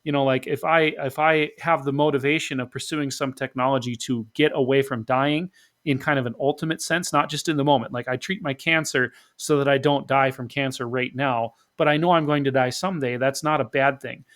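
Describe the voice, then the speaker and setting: A man's voice: mid-range voice, steady tone, fairly quick, a bit bright. A man co-hosting a casual discussion podcast, explaining his points methodically. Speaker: podcast co-host.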